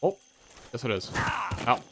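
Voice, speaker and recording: Man, let's player, casual rambling commentary, low pitch, slight background noise. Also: moderate pace.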